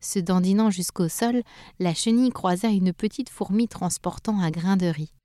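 A woman narrating a children's story in a gentle, expressive way. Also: fairly low pitch, moderate pace, no echo, studio quality.

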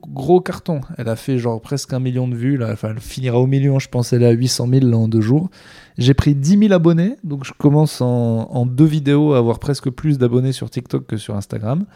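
A man's voice: medium pitch, warm tone. A man, a stand-up comedian, talking alone on his podcast in a rambling, sardonic way with many fillers. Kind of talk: casual solo podcast monologue.

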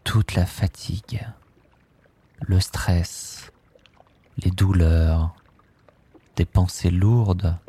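A man leading a guided sleep meditation, speaking softly and calmly in drawn-out phrases with long pauses. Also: low voice, husky. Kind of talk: slow guided relaxation script.

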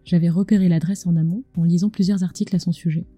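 A woman's voice: fairly low pitch, steady tone, fast, dark tone, no echo, faint music behind. A woman narrates a scripted podcast as a storyteller, speaking intimately close to the microphone, right in the listener's ear. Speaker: podcast host, culinary storyteller. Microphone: close microphone with acoustic screen.

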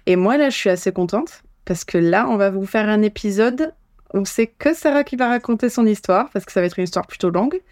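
A woman co-hosting a podcast in a relaxed, playful chat, quick to react and throw in a quip. Her voice is mid-pitched, and it sounds close and dry, with no echo. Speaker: podcast co-host.

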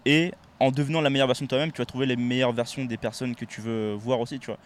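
A man co-hosting a podcast in casual chat, relaxed and switching into English words mid-sentence. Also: medium pitch, fast talker. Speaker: podcast co-host.

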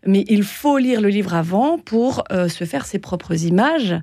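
A woman literature teacher explains her views firmly on a radio discussion. Her voice is gravelly and mellow. The sound is close and dry. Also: mid-range voice, lively intonation, a little slow, dry recording.

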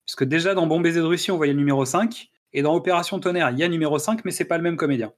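A man's voice: on the high side, very fast. A man hosting a casual film-review podcast, talking with frequent hesitations and restarts. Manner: hesitant, many "euh" and restarts. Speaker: podcast host.

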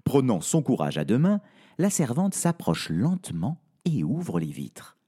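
Animated man narrating a storybook. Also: mid-range voice, a little slow, husky. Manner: animated, playful.

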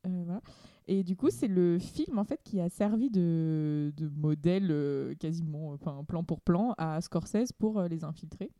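A woman's voice: on the low side, expressive, a little slow, dark tone, no room sound, studio quality. A young woman co-hosting a podcast, enthusiastic but hesitant, with many fillers. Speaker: podcast co-host. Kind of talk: casual chat.

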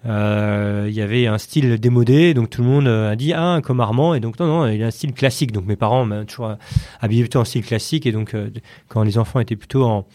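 With a mellow, mid-range voice and a Parisian French accent, this late-thirties man from the Paris region appears as a podcast guest and company chief executive. Answering interview questions casually, he hesitates often, repeating words frequently and filling pauses.

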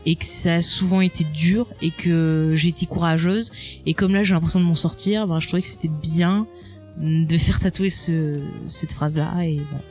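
A woman guest in a casual conversation, chatty and expressive, laughing often and swearing casually. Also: lowish voice, normal speed, faint music behind.

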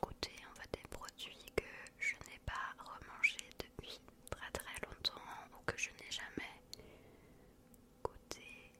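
Woman whispering close in your ear, ASMR. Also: a little slow. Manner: chatty, intimate, addressing one listener informally. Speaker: ASMR video creator and host. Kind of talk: ASMR, whispered casual vlog.

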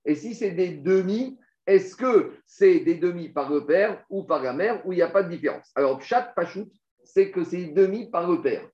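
This Talmud teacher has a high, somewhat dark voice with lively intonation and a moderate pace. He reads Aramaic passages aloud, breaks them down step by step, and raises questions only to answer them himself. The room recording sounds dull and echoey.

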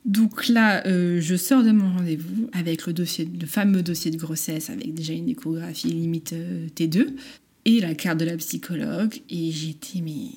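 A woman's voice: on the low side, fairly even intonation, moderate pace, darkish tone, breathy edge. A woman in her thirties telling a personal story candidly and with animation, acting out the voices in it and laughing often.

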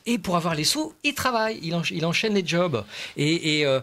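An enthusiastic male film critic talks on a chat show. His voice sits a little high, and he gushes with delight as he tells an anecdote. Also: animated, fairly quick, sharp tone. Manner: enthusiastic, gushing storyteller. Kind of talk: radio film review chat.

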